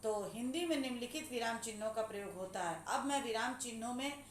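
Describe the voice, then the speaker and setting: A woman teaching a grammar lesson, reading examples aloud slowly and then explaining them, often asking if students follow. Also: a little high. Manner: patient, checks understanding with questions. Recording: echoey room with faint hum.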